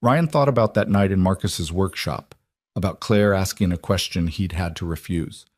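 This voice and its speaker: A man narrating a romance story in a calm, measured scripted storytelling voice. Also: low-pitched, no echo, studio quality.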